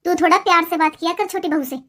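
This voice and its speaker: A woman's voice: extremely high pitch, steady tone, fast, a bit bright. A woman voicing a mother-in-law in a cartoon, a grandmother who lectures and advises her daughters-in-law. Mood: lecturing. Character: mother-in-law, scolding but caring grandmother. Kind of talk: cartoon voice acting.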